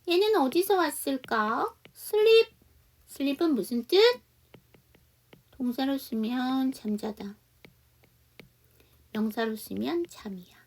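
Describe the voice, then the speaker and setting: Lively slow-paced woman teaching English. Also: on the high side, vocal fry, far from the mic. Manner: explains step by step, asks and answers her own questions; reads example sentences slowly for repetition. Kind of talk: beginner English lesson.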